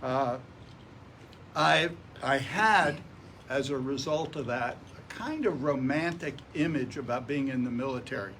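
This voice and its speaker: A man, telling personal stories to an audience in a relaxed, wry, conversational way. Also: medium pitch, measured pace, slight background noise. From Portsmouth, Virginia. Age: 80s. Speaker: guest speaker. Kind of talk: public talk with personal stories. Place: library meeting room.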